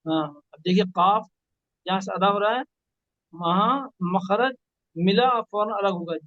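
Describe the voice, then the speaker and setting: A man teaching Quran reading one-on-one, patiently correcting and spelling out sounds slowly. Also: high voice, no echo, narrow, tinny audio. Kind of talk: one-on-one recitation lesson.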